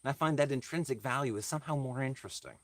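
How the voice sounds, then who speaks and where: A mid-range male voice, with a bit of hiss or hum, chats casually with viewers on a livestream during a craft session. He reflects aloud in a halting manner and answers their comments.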